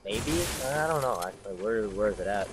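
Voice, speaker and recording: A man's voice: on the low side, animated, fairly quick. A young man playing an online game with friends, making offhand, mumbled remarks. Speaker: gamer, squad mate. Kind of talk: casual gaming chat with friends. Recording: noisy voice chat recording.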